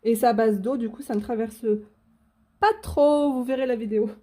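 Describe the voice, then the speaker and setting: A woman's voice: fairly high pitch, normal speed, mellow. A young woman hosting a casual unboxing video, chatty and gushing with frequent fillers. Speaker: coloring channel host.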